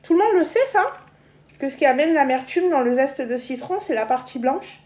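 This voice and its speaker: A chatty woman with a high voice runs a live cooking demonstration from her home kitchen. She talks casually to viewers, trips over her words, and laughs easily. Her voice rings with the roomy echo of the kitchen. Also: lively intonation, moderate pace, warm tone. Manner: chatty, laughs often, stumbles and repeats words.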